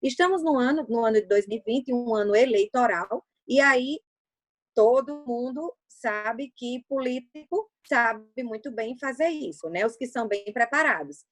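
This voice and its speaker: A middle-aged woman from Brazil coaching on public speaking, teaching step by step and answering her own questions. Her voice sits fairly high, and the sound is dry and close, with no room around it. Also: lively intonation, moderate pace, no echo. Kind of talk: explanatory talk on a livecast.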